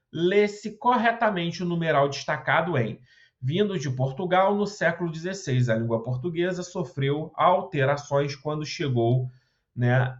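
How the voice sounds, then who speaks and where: Slow, patient male language teacher. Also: fairly high pitch, dull audio. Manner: explanatory, often checks in with "né?" and "ok?". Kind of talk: exam prep lesson walking through questions.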